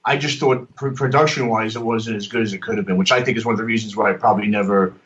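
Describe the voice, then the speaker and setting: A man's voice: on the low side, steady tone, fast, a bit bright, dull audio. A man co-hosting a podcast in casual chat, rambling and filling his talk with um and you know. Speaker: podcast co-host and producer.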